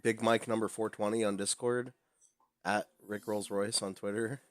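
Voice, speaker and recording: A man's voice: on the low side, level tone, moderate pace, no echo. A man co-hosting a casual podcast, joking and laid-back. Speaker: podcast co-host.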